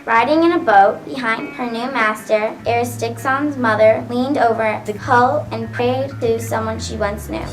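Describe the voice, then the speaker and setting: A woman narrating a myth in a clear, dramatic storytelling voice for a school play. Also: a little high, fairly even intonation, moderate pace, few pauses, faint music behind, poor audio.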